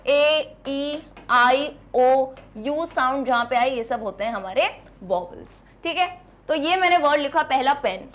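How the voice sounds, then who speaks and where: A high-pitched woman teacher explains grammar to schoolchildren. She talks patiently and warmly to her students, repeating words slowly to sound them out.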